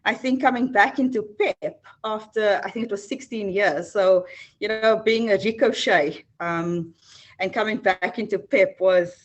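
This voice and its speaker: A woman's voice: medium pitch, a little slow, muffled recording. A South African woman, an HR executive, answering interview questions earnestly with frequent ums and restarts. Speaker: HR executive, guest.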